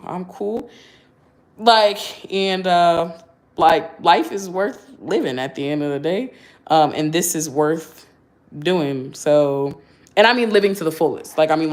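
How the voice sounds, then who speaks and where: Speaking in a low voice with a darkish tone, a twenty-something woman fields viewer questions during a relaxed livestream. She's open, chatty, and full of slang.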